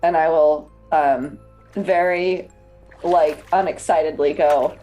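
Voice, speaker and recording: A woman playing a tabletop game, talking in a wry, deadpan, grudging way. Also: deep voice, slow, soft background music. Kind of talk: casual in-character roleplay.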